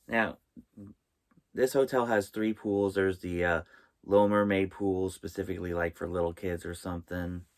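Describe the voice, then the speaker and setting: A man hosting a vlog from inside a small RV trailer, presenting in a halting way with pauses mid-sentence. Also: low voice, fairly even intonation. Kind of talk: vlog presenting, tips and top-five countdown.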